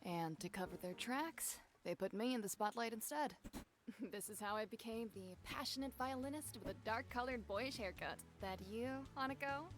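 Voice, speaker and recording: An actress voicing a composed, proud adult female violinist in game dialogue, telling her story with measured, dry disdain. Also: on the high side, a bit bright. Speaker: violinist character.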